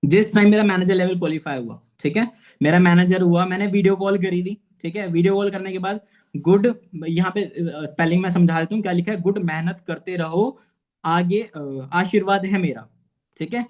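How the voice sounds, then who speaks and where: A man's voice: high voice, steady tone, a little fast, darkish tone. A man in his twenties gives an earnest, personal motivational talk as a network marketing manager. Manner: earnest, personal, often adds "theek hai". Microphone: online meeting.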